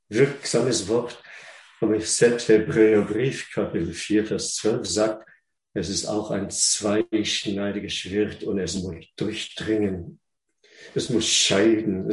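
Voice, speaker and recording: A man preaching a sermon in German, which is not his first language. He talks haltingly, repeats words and asks the listeners questions. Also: on the low side, steady tone, echoey room.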